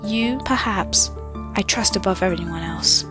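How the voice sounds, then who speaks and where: A selfless young princess, acted by a woman in an amateur radio play. She speaks in formal, measured phrases with solemn resolve at a middling pitch, while music plays clearly behind her. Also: close to an everyday voice. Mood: earnest, resolute. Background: loud music.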